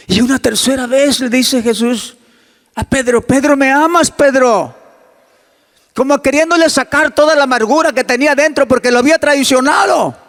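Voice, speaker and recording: A male pastor preaching a sermon, swinging from soft near-whispers to loud emphatic climbs and acting out dialogue in a hushed voice. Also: extremely high pitch, brisk, big-room sound. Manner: acts out quoted dialogue in a hushed voice.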